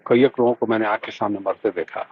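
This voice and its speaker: A middle-aged man, a doctor standing for election, answering interview questions in an earnest, measured way and repeating key words. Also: fairly low pitch, fairly even intonation, phone-quality sound, a little hiss or hum.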